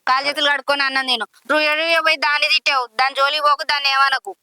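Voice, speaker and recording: A woman's voice: high-pitched, level tone, very fast, pushed and bright. A woman playing a scolding village mother. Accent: Telangana Telugu. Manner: scolding, fussing, reassuring. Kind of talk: village drama acting.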